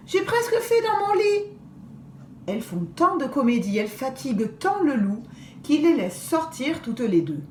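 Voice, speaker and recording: A woman teacher reading a children's story aloud with expressive, deliberate storytelling. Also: a little high. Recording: echoey room, faint hiss.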